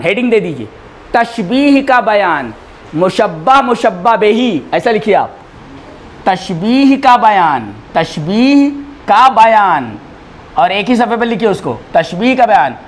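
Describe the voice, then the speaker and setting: A man teaching a class in a lecture style, repeating words slowly for students to write down. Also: high voice. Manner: slow, repeats words for dictation. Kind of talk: classroom lecture, dictating notes.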